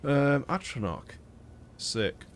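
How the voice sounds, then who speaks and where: A young man from Poland, his nose a little blocked, talks slowly and very animatedly at medium pitch while streaming a game. The chat is casual and meandering, packed with swearing, fillers and false starts. There's a slight hiss or hum in the recording.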